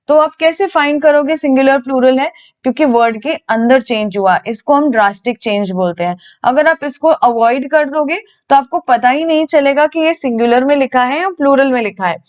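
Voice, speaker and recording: Woman teacher with a fairly high voice on a dull lo-fi recording, patiently walking students through grammar. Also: moderate pace. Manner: patient, repeats key words, asks and answers her own questions. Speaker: English teacher. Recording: dull lo-fi sound.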